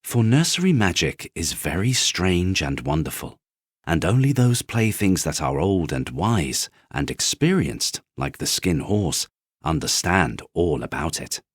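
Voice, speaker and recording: Man, low-pitched, husky, calm children's storyteller, expressive intonation, scripted bedtime narration. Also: unhurried, no echo, clean studio sound.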